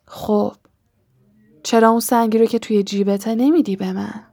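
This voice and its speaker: Storybook villain: menacing serpent-faced dark lord with a hissing whisper, put on by a woman reader. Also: mid-range voice, fairly even intonation, creaky.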